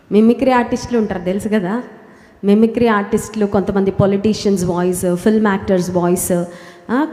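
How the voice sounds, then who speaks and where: A woman's voice: medium pitch, darkish tone. A woman preaching a sermon, asking rhetorical questions, repeating key phrases for emphasis and having listeners repeat scripture after her. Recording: roomy hall with long reverb.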